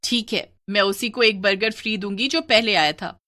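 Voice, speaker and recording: A woman voicing a fat, spiteful female witch in a cartoon who sells burgers, calling out loudly and gloating with a cackle. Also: mid-range voice, normal speed, natural voice. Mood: sweet. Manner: loud hawker's calls, cackling, spiteful gloating. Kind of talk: cartoon voice acting.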